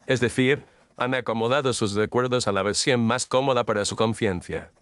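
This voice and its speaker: A man playing Sherlock Holmes as a composed, incisive Victorian detective, speaking formally and deliberately in an audio drama. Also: medium pitch, steady tone, fairly bright tone, no room sound, clean studio sound, natural voice. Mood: probing, assured. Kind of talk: Spanish audio drama mystery acting.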